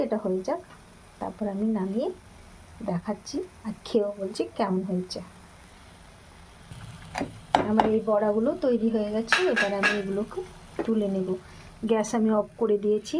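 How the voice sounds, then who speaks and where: A cooking channel host talks straight to her viewers from her kitchen in a casual home cooking video. Her mid-range voice is steady and brisk, and there's heavy background noise.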